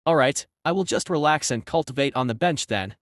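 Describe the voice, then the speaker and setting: A man voicing a composed young woman cultivator who speaks in a monotone. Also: mid-range voice, a little fast, no echo, studio quality, close to an everyday voice. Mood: calm.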